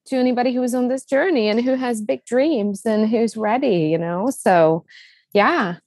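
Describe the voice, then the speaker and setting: A Czech business coach in her thirties tells her story as an interview guest, enthusiastic, chatty and full of fillers, with a Czech accent. Her fairly high voice moves at normal speed and is a little mellow. The studio sound is clean with no echo.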